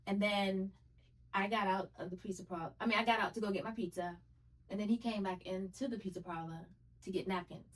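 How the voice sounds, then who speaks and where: A woman's voice: medium pitch, fairly quick, far from the mic, poor audio. A woman guest telling her dating story in casual podcast chat, earnest and reflective.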